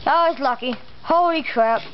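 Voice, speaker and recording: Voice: high-pitched, normal speed. A let's player giving casual, sweary gameplay commentary, with slightly imprecise R sounds. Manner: casual swearing, muttered exclamations. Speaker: let's play host. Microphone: camera pointed at a monitor. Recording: muffled lo-fi mic, noisy background.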